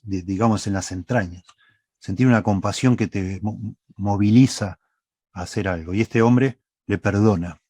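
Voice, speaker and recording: Low-voiced Rioplatense pastor preaching. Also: male voice, dry recording, clean studio sound. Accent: Rioplatense Spanish. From Argentina. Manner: explanatory, rephrasing with tag questions. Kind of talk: sermon with Bible reading. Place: church.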